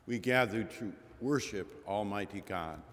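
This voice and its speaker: Low-voiced minister man, slow solemn liturgy, big cathedral echo in a chapel. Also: fairly bright tone. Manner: measured, solemn liturgical delivery. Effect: cathedral-like echo of a large chapel. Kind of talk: leading a worship liturgy. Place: large chapel. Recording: long chapel reverb, radio broadcast.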